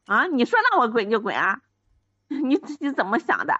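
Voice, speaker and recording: A woman's voice: a little high, big pitch swings, moderate pace, sharp tone, breathy edge, no room sound, full character voice. A woman playing a wronged wife of ten years in a comedic radio skit, speaking, wailing and pleading. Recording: dry, dull lo-fi sound.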